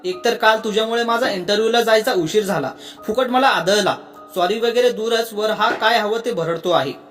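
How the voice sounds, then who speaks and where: A storyteller voicing a fiery, sharp-tongued young woman who scolds and snaps, over soft music. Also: mid-range voice, lively intonation, fairly quick, lightly acted. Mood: scolding. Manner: scolding, snapping.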